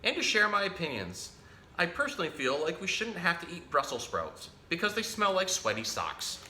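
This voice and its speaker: Reading a picture book to young children, this man has a high-pitched voice and a normal pace. His delivery is playful and expressive, with direct address to the kids and chatty asides to a pet parrot, all captured with a roomy echo and faint background noise.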